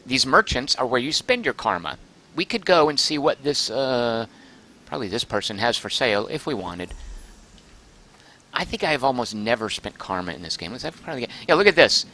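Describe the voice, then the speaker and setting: A man streaming a game live, chatting excitedly, thinking aloud and reading chat messages aloud, close to his microphone. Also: medium pitch. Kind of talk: live gameplay commentary.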